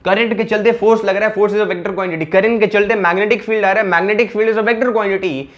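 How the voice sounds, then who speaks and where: A man with a high-pitched voice teaches physics in a casual, talkative style. He repeats his key phrases and keeps checking with the class by asking yes or no. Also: fairly even intonation, moderate pace, highs cut off. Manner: conversational, repeats phrases, asks "yes or no?" often. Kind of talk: classroom lecture.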